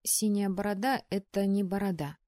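A woman's voice: medium pitch, fairly quick, mellow, no echo, studio quality, natural voice. A woman voicing a flustered, indignant young heroine in an audiobook. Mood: curious. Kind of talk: audiobook narration.

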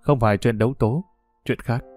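A man reading the lines of a calm young male village cadre who speaks softly but with a quiet menace. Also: mid-range voice, normal speed, dry recording, soft background music, lightly acted. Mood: quiet, controlled. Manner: soft-spoken, controlled.

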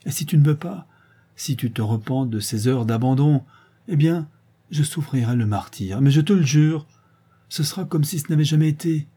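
A desperate young man begging his beloved in a storybook reading, as the narrator speaks his lines. The voice is dark and husky, rising and falling with impassioned pleading. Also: a little high, expressive, moderate pace, voice pushed up.

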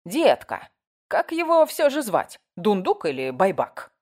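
A nosy older woman neighbor, voiced by a woman narrator, all exclamations and scolding in a shrill, animated voice. She talks over everyone, with a lively melody. Pure storybook gossip. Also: a little slow.

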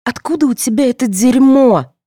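A woman voicing a spoiled teenage girl in an audiobook, shrill, whining and pitched very high. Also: moderate pace, warm tone, no echo, clean studio sound. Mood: shrieking. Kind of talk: audiobook character voice.

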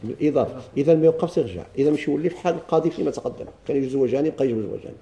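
A man's voice: a little high, mellow, a little hiss or hum. Moroccan man teaching a grammar class. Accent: Moroccan Arabic. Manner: questions the class and answers himself, reads lines slowly. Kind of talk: classroom lesson explaining a text.

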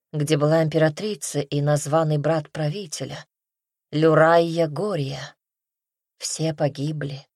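An audiobook narrator reads a fantasy novel in a low, slightly mellow female voice. The scripted narration is recorded cleanly in a studio with no room sound.

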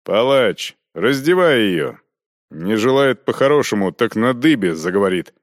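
A man's voice: lowish voice, big pitch swings, measured pace, dry recording, studio quality. Man playing a curt stern knight interrogator. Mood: stern, impatient. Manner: curt, barking questions.

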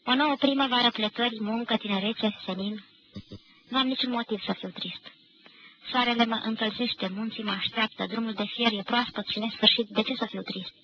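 A woman giving a measured, grave literary reading of a novel, from a 1990 radio archive recording. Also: a little high, steady tone, muffled recording, slight background noise. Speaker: reader.

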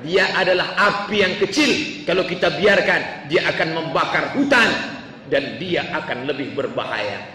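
High bright-voiced preacher in an echoey hall. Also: male voice, measured pace. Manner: storytelling, animated, acts out dialogue. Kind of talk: humorous sermon. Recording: echoey hall, distant mic, faint noise.

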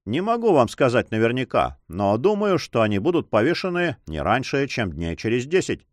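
A man's voice: mid-range voice, very animated, normal speed, no echo, clean studio sound, lightly acted. A man voicing a self-satisfied, swaggering Spanish coast guard captain in an audiobook. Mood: boastful.

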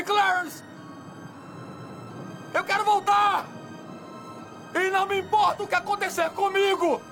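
A man dubbing a desperate family man in a film, shouting and pleading. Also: very high voice. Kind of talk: dubbed film acting. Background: film score.

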